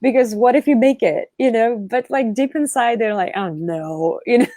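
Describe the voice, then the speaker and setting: A woman from Russia, a guest on an interview show, talking lively and giggly with lots of "like"s. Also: on the high side, moderate pace, dry recording, studio quality. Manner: lively, giggly, loose phrasing with many "like"s. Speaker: actress guest. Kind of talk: casual interview chat.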